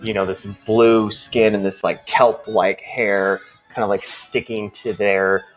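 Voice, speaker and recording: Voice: deep voice, level tone, slow pace, faint music behind. A game master narrating a tabletop game in a rambling way, full of fillers and hedges.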